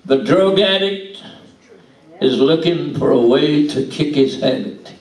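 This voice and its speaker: Older male pastor, slow and measured, heard from afar in an echoey sanctuary. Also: fairly high pitch, expressive. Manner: measured preaching with repeated amens and hallelujahs. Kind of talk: sermon. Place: small church sanctuary at pulpit. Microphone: handheld mic. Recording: echoey church heard from a distance.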